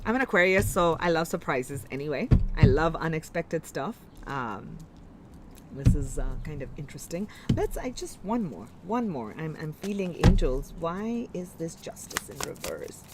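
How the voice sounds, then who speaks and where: Over very noisy audio, a woman with a lowish voice and an Indian accent gives a live tarot reading. She muses aloud, warmly reassures her listeners, and keeps breaking off to restart her sentences.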